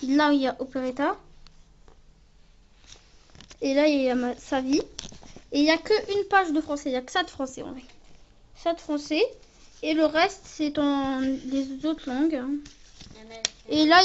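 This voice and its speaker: A woman casually showing and describing a toy as she handles it, often ending phrases with a quick tag. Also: high voice, muffled recording. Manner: talks while handling items, often ends phrases with a tag "hein". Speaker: toy reviewer. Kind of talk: casual unboxing and show-and-tell.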